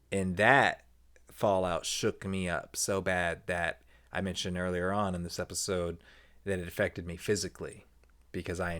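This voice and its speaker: Low-voiced man hosting a candid podcast. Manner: animated, swings into high excited tones when telling anecdotes; candid, conversational, with many fillers and asides. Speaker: podcast host. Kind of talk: personal podcast monologue.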